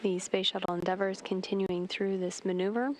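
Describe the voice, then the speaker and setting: A woman giving measured, formal live spaceflight commentary as a mission control announcer. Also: mid-range voice, flat delivery. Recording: faint noise on broadcast feed.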